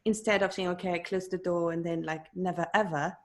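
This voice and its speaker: A woman hosting a podcast, asking questions in a casual interview and listening attentively with soft murmurs of agreement. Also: lowish voice, fairly even intonation, fairly quick. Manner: attentive, gives frequent soft backchannel murmurs. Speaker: podcast host.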